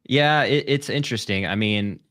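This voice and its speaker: A male guest talks loosely and at length, circling his points with ums and "you know". His voice sits on the low side. The sound is dry and close to the mic. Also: moderate pace, a bit bright, dry recording. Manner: rambling, hesitant with many fillers. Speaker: guest, content creator. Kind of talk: casual interview chat.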